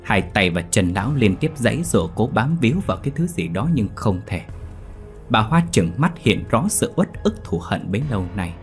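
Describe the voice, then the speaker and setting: A man's voice: fairly low pitch, sing-song, normal speed, soft background music. A man telling a ghost story in scripted, dramatic narration.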